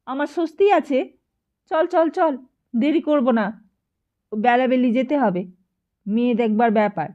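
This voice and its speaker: Woman doing a brisk, bossy older matchmaker. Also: on the high side, warm tone, highs cut off, voice pushed up. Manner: brisk, dismissive, confident.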